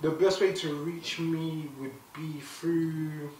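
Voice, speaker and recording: A clothing brand founder, a young Zimbabwean man, sits on a sofa indoors for an animated interview full of fillers and restarts. His voice is a little high and slow. He's recorded from a distance on a far camera mic in an echoey room with slight background noise.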